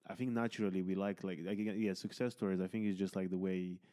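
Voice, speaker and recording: Man, podcast host, low voice, mellow tone, rambling, halting, candid. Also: fairly even intonation. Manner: rambling, halting, many fillers and restarts; candid, swears casually. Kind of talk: casual conversation.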